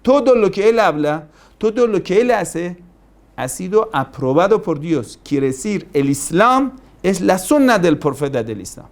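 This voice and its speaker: A man's voice: high voice, very animated, unhurried. A man giving a religious lecture, emphatic and repetitive, asking rhetorical questions. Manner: emphatic, rhetorical questions, repeats key phrases. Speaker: preacher.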